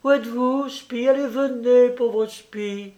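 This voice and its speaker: A fluttery, affected young woman, as a male reader puts her on, her voice lifted high and fussing in sweet baby talk over a pampered lapdog. She talks in a slow, syrupy lilt, all pretty exclamations and coaxing. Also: lively intonation. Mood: cooing. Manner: cooing, fussy baby talk to a little dog.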